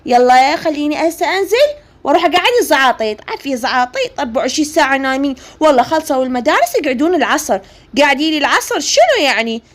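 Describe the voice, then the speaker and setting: A woman's voice: high-pitched, animated, rapid-fire. A woman with an Iraqi accent narrating a game role-play in a chatty, complaining way. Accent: Iraqi Arabic. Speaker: gaming creator.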